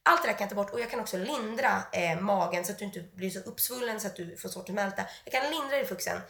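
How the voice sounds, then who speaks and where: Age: adult. Sex: female. Figure: a woman quoting a calm, assured acupuncturist. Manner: gravelly, steady promises. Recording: echoey room. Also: medium pitch. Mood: reassuring.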